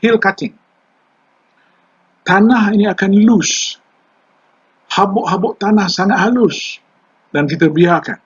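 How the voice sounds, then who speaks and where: Older Malaysian trainer, husky, a bit high, chatty lecture, lo-fi dull recording. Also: male voice. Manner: conversational, mixes English terms into Malay, quizzes the class. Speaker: environmental law trainer.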